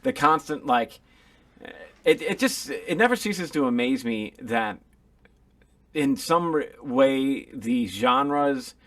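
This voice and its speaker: A man co-hosting a podcast in casual chat, musing with halting starts and quick mimicking asides. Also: on the high side, gravelly, fairly bright tone. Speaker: podcast co-host.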